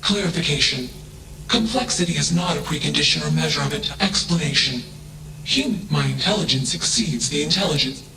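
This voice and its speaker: Emotionless AI, clipped and cold. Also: male voice, fairly high pitch, brisk, creaky. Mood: detached. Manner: emotionless, clipped statements each announced by a label word. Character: emotionless male ship AI, cold and detached. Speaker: hostile ship AI. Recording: echoey with background noise.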